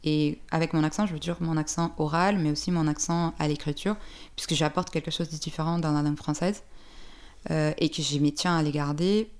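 A woman's voice: sits low, steady tone, brisk, darkish tone, smooth. A woman from Brazil speaking French with a Brazilian Portuguese accent, a poet answering interview questions thoughtfully and hesitantly. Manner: thoughtful, hesitant, many fillers and restarts. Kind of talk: interview conversation.

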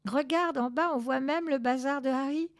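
Wise, kind tomcat, gentle and coaxing, read by a woman. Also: sits high, moderate pace, voice pushed up.

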